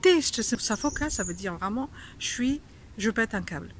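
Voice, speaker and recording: A woman's voice: a little high, expressive, moderate pace, a little hiss or hum. A woman teaching a casual video language lesson, playful, laughing often and pretending to be angry.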